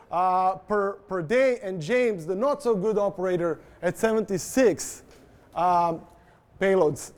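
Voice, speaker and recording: Male presenter, high voice, casual joking delivery, talks straight to the audience. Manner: informal, joking, addresses audience directly. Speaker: industry presenter. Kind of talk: conference presentation. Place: event presentation.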